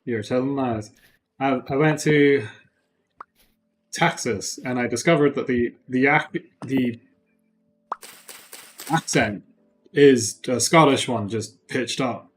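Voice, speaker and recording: A man's voice: mid-range voice, takes it slowly, long pauses, faint music behind. A man giving casual gameplay commentary on a livestream, thinking aloud and joking with his chat. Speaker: streamer.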